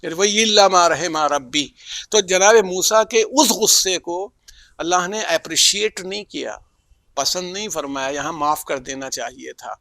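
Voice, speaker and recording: A man delivering a religious sermon, telling stories and voicing the figures in them with sudden loud rises. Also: sits high, vocal fry, no echo, studio quality. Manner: storytelling, acts out quoted figures with loud rises. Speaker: religious speaker. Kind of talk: Muharram majlis sermon.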